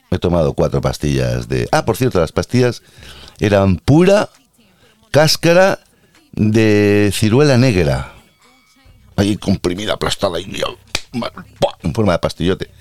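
A man's voice: sits low, darkish tone, no echo. A man hosting a crude, rambling comic monologue full of self-mockery. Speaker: host.

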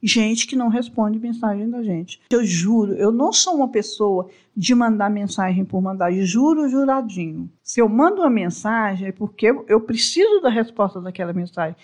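A woman with a Brazilian Portuguese accent hosting a casual solo podcast, chatty and expressive, talking straight to her listeners. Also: medium pitch, normal speed, few pauses. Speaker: podcast host.

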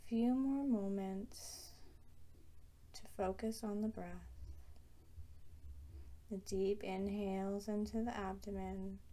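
A woman leads a guided meditation, speaking very slowly and softly. Her voice is warm and mellow, and she leaves long, calm pauses between phrases. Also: mid-range voice. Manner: slow, soft and soothing, with long pauses.

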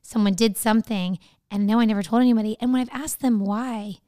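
Higher-voiced woman co-hosting a podcast. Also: fast talker, dry recording, studio quality. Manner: animated, talks through others, acts out quotes. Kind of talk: casual podcast discussion.

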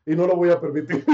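A man's voice: a little high, warm tone, slight background noise. A man from Panama, a sports commentator, chatting reflectively in an interview and laughing often. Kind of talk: casual interview chat. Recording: dull lo-fi sound in an echoey room.

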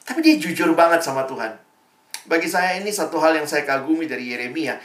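A man's voice: on the high side, expressive, a little fast, fairly bright tone. A young man giving a casual devotional talk to a campus fellowship, chatty and informal, with slangy asides and tag questions. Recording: echoey room.

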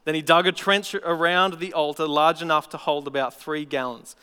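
Male preacher, lively storyteller, bright tense voice, long church-hall reverb. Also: a little high, normal speed, clear, resonant tone. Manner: animated storytelling with playful asides. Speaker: pastor. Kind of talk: sermon. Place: church auditorium.

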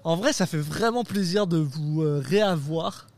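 A man with a fairly high voice chats loosely as a podcast co-host, tipsy and rambling. He laughs often and restarts his sentences. He is recorded outdoors on a balcony. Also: a little slow, gravelly, a little mellow. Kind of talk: casual chat.

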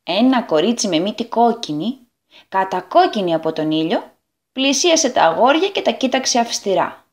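A woman reading a children's story aloud on a community radio show, expressive and animated. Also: fairly high pitch.

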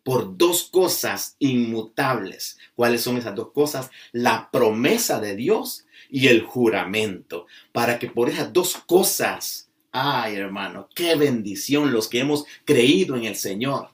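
A male pastor preaching at a slow, deliberate pace, leaning hard on key words. His voice sits at an ordinary middle pitch. It is picked up from some distance away from the microphone. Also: expressive. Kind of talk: sermon. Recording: voice from a distance off the mic.

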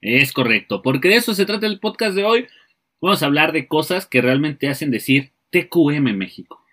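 A man's voice: a little high, expressive, a little fast, sharp tone. A young Mexican man co-hosting a podcast, joking and slangy, with a Mexican Spanish accent. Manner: joking, slangy, full of sayings. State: hungover. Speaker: podcast co-host. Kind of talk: casual chat.

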